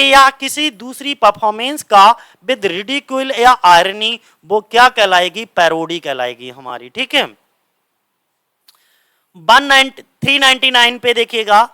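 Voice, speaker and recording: A man teaching English literature for exams, asking his own questions and answering them, reading English lines slowly and explaining them in Hindi. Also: sits high, sharp tone, smooth, no room sound. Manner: drills with repeated questions and answers. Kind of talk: exam-prep lecture.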